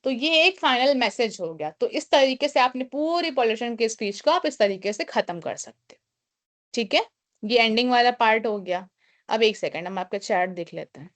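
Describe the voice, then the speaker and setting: A woman's voice: a little high, animated, fairly bright tone. Woman teacher explaining step by step. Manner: explains step by step, reads English lines slowly then restates them; frequent filler "kya kehte hain". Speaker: online class teacher. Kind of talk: live online lesson.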